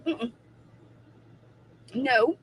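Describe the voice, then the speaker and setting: A woman's voice: sits high, very slow, husky, rough recording. A woman in her forties chatting casually on a livestream, emphatic and repeating her points for effect. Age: 40s. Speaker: co-host of a livestream.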